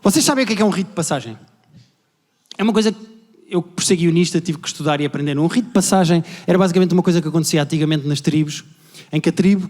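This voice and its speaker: A young man with a European Portuguese accent performing live stand-up comedy, telling family stories at a rapid pace and acting out his relatives. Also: on the high side. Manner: rapid, animated storytelling, acting out family members. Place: large indoor venue with a live audience. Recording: long hall reverb from a live venue.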